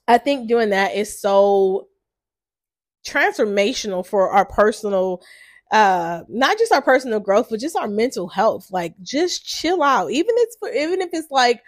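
A woman in her thirties hosts a casual solo podcast, chatty and saying "like" constantly, her nose stuffy and congested. Her voice is medium-pitched and the recording is dry.

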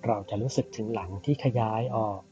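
A man guides a sleep relaxation meditation in a soft, soothing manner, leaving long pauses between short phrases. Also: mid-range voice. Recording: dull muffled recording with music behind. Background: clear background music.

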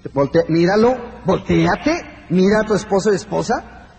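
A man with a fairly high voice delivers a live motivational talk, emphatic and repetitive. He speaks straight to his audience. A long hall reverb trails behind his words. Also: expressive, unhurried, creaky, a little mellow.

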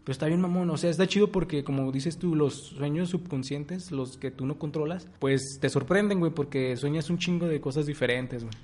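A young Mexican-accented man co-hosting a podcast in loose slangy chat. His voice sits a bit high, and he laughs often and acts out the lines he quotes loudly. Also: brisk, few pauses. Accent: Mexican Spanish. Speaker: podcast co-host. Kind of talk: casual chat.

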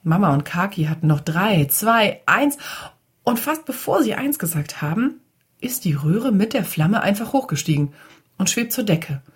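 A woman's voice: mid-range voice, very animated, moderate pace, slightly rough. A woman narrating a children's story in a chatty, casual way, often turning to talk to the listeners. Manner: chatty, addresses listeners directly.

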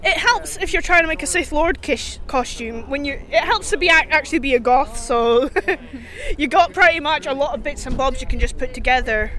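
A woman from Kingussie with a Highland Scottish accent, chatting casually as an interviewed cosplayer. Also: fairly quick, hardly any pauses, pushed and bright. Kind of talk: casual chat.

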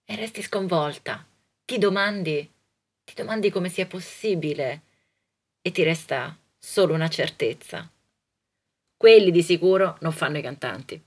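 A woman's voice: a little slow, husky. A woman soprano delivering a comic monologue in a theatrical, ironic way. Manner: theatrical, ironic, lively swings in pitch and loudness.

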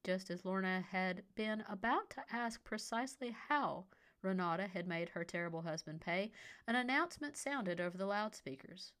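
A woman narrates a short story in a measured, expressive way. Her voice sits at a middle pitch, and the reading stays steady and scripted.

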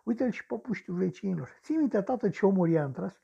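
A man's voice: high-pitched, expressive, creaky, dark tone, husky, lo-fi sound, heavily acted. A man acting a coarse, boastful male serial killer in a radio drama monologue, ranting and sneering at the victims who haunt him.

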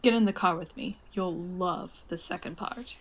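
A woman's voice: fairly low pitch, moderate pace, dull audio. Woman as Celine, coolly commanding devil in disguise. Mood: coaxing. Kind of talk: horror audio drama acting.

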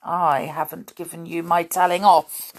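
A woman's voice: fairly low pitch, level tone, a little slow, low-quality recording. A woman doing a fierce little teddy bear. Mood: indignant. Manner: fierce and indignant.

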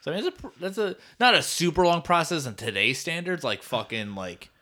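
Bright, forceful man chatting about films. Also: fairly high pitch, animated, fairly quick. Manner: enthusiastic, profane, filler-heavy retelling with quoted dialogue. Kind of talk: casual film chat.

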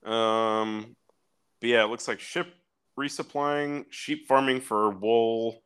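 A man's voice: medium pitch, steady tone, takes it slowly, fairly bright tone, smooth. A young man co-hosting a casual podcast, reading war facts aloud with loose, profane asides. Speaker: podcast co-host. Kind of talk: casual chat.

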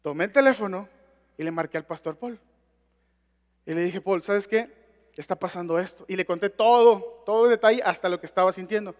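High-voiced pastor in a reverberant hall. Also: male voice, fairly quick. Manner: conversational, addresses listeners directly. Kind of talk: sermon storytelling. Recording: long reverb of a large hall.

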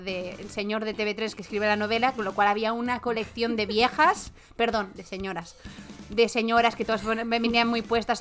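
A woman co-hosting a chat show, telling a story in a relaxed, casual way and acting out the voices of the people in it. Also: medium pitch. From Barcelona. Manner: animated anecdote-telling, acts out quoted voices. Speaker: podcast co-host, translator.

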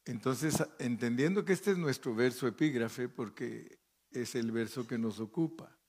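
Guy preaching a sermon real slow, reads the verses then explains em, keeps asking the church if they're with him. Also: mid-range voice, a little mellow, slightly rough. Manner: checks in with listeners by asking "¿sí?" and "¿verdad?"; reads scripture aloud and comments between verses. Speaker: pastor. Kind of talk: sermon with Bible reading.

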